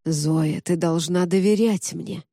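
A woman voicing an earnest young man in love in an audiobook, speaking softly and hesitantly. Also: on the low side, no echo, clean studio sound. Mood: tender. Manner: soft, hesitant, slow and coaxing. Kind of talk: audiobook character reading.

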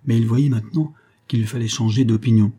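A man narrating a classic novella in an even, literary reading. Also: medium pitch, fairly quick, husky. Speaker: audiobook reader.

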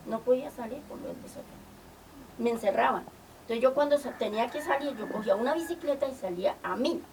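An older woman recounts her life as a community organizer, slipping into the voices of the people she met. Her voice sits a bit high and has a gravelly edge. She is recorded from some distance, with clear background noise. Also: quick pace. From Colombia. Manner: lively anecdotal storytelling with quoted dialogue. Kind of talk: storytelling.

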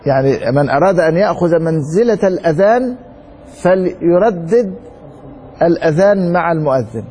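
A man with an Egyptian Arabic accent teaching a religious lesson, reading a text slowly and then explaining it with rhetorical questions to his students. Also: fairly high pitch, animated, warm tone, slightly rough. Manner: reads a text slowly, then comments quickly. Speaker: sheikh teaching Maliki law.

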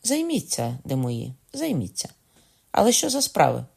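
A man's voice: fairly high pitch, huge pitch swings, moderate pace, creaky, darkish tone, breathy edge, heavily acted. A man voicing a shrewd, wry young king in an audiobook reading.

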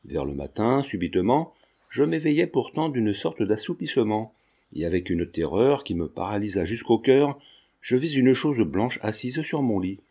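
A man narrating a literary novel as an audiobook, in a measured storytelling manner. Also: lowish voice, big pitch swings, mellow, husky. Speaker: audiobook reader.

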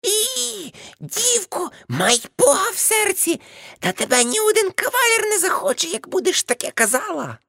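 Brief: older shrill aunt, shrieking high scolding, dry close read, audiobook. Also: female voice, very animated, moderate pace, gravelly, a bit bright, dry recording, full character voice.

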